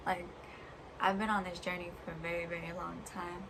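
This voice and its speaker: A woman speaking as a vlogger in a reflective personal monologue, earnest and halting, pausing between short phrases. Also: on the low side, little pitch movement. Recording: clear background noise.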